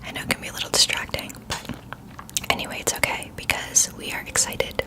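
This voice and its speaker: A woman in a whispered role-play, chatting as if to a close friend, keeping hushed and quiet at night so nobody wakes. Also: fairly quick. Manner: quiet at night, hushed so as not to wake others. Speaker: ASMR performer.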